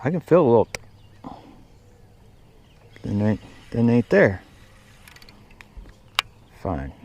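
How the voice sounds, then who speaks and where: A man's voice: mid-range voice, sing-song, takes it slowly, dark tone, dull audio. A man chatting casually and folksily while fishing outdoors from a boat. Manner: folksy, colloquial. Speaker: angler hosting a fishing vlog. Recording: noisy outdoor recording.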